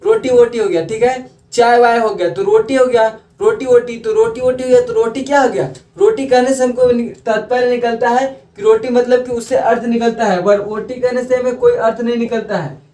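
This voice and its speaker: This grammar teacher has a very high-pitched, mellow voice with fairly even intonation and a normal speaking speed. He explains in a loose, repetitive classroom style, repeating phrases, correcting himself often, and restarting sentences. The room is echoey and he sounds far from the mic.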